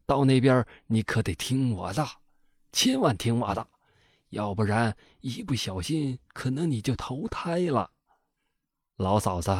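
A man voicing an elderly male yin-yang master who speaks in a low, hushed, reassuring way. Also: breathy edge, dry recording, clean studio sound.

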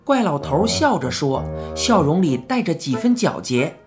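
A woman narrating a children's audiobook with expressive storytelling. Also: sits low, measured pace, music in the background.

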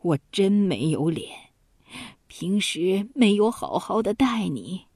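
A woman's voice: medium pitch, sing-song, darkish tone, breathy edge, no echo, studio quality, heavily acted. A woman voicing a dying old duke, feeble and sighing. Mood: mournful. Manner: feeble, sighing, halting speech. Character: dying old male duke, weak and remorseful. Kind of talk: children's story narration.

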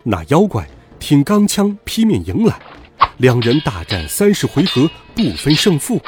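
A man narrating a storybook with a lively, dramatic reading. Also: a little high, measured pace, over music.

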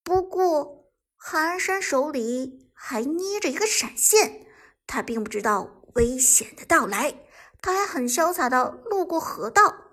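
A woman reading an esports novel aloud, with lively storytelling that jumps into sudden excitement. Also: high-pitched, unhurried. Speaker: audiobook narrator. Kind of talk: scripted narration of an esports novel.

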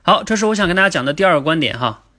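A man teaching a livestream class on public speaking, explaining step by step, asking and answering his own questions and repeating key definitions slowly. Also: on the high side, expressive, sharp tone. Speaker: speaking coach. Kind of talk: livestream lecture.

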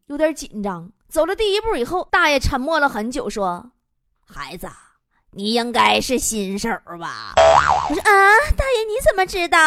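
A woman hosting a comedy show, reading out listener jokes in a playful, animated way and laughing often. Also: high voice.

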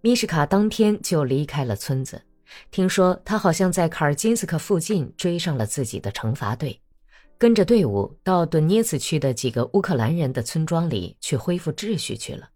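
A woman narrating a novel as an audiobook reader, in calm, steady storytelling. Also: sits low.

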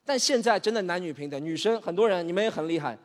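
A man in his thirties from Shanghai performs a stand-up set on stage, rattling along fast with a higher voice. His storytelling is animated and exasperated, and a long hall reverb follows each line. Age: 30s. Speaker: stand-up comedian. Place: comedy stage.

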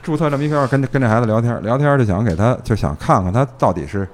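A man's voice: mid-range voice, very fast, a little mellow. A man with a Beijing accent telling stories casually, repeating phrases and tossing in rhetorical questions. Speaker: police officer guest telling case stories. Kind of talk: casual anecdotal storytelling.

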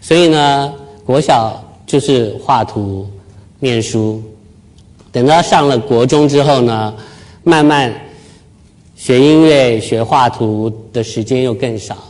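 Speaking slowly in a mid-range voice with a darkish tone, a middle-aged man from Taiwan addresses a live audience in a lecture hall. He pokes fun at himself while recounting personal stories.

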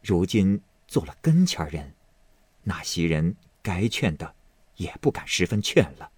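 A man voicing a gentle, sorrowful older noble lady in a storybook reading, speaking soft and hushed. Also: sits low, big pitch swings, measured pace, slightly rough, no echo, full character voice. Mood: measured.

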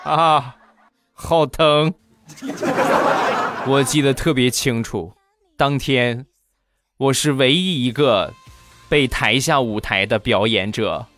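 A man in his thirties telling comic stories about his life and family, lively and given to putting on squeaky voices for other people. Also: slow, long pauses, music in the background. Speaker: comedy storyteller host. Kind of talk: comic storytelling monologue.

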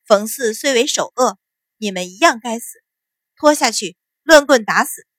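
A woman's voice: a little high, lively intonation, normal speed, a bit bright, no echo, studio quality. A woman as an icy, imperious young noblewoman. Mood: cold. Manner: icy, commanding, scornful.

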